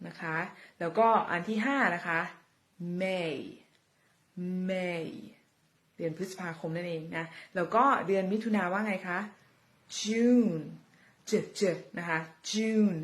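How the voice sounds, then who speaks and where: A woman teaching English words, saying each one slowly and repeating it for learners to copy. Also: fairly low pitch, a bit bright. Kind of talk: slow pronunciation lesson.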